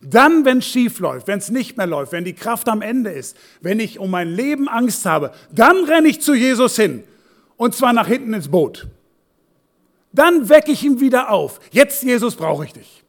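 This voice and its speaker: A man preaching as a pastor, swinging from hushed, slow asides to loud, animated quoted voices. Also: very high-pitched. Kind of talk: sermon.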